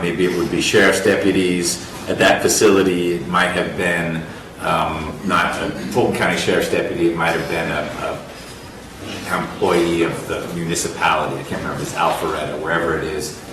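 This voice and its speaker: A man presiding as judge over a court hearing, speaking in a measured, wry way with halting fillers. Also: deep voice. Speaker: trial judge. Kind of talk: courtroom proceedings. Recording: distant roomy courtroom audio with noise.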